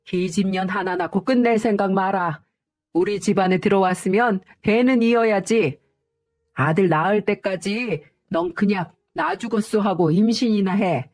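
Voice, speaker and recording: A woman's voice: medium pitch, normal speed, a little mellow, lightly acted. A woman voicing a spiteful scheming mother-in-law. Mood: scornful. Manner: scolding, contemptuous. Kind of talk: storybook reading.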